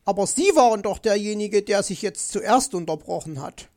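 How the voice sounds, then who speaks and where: A storybook narrator voicing Mrs. Magpie, a vain, excitable female magpie who nags and screeches. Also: moderate pace, natural voice. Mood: excited. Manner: shrill, nagging.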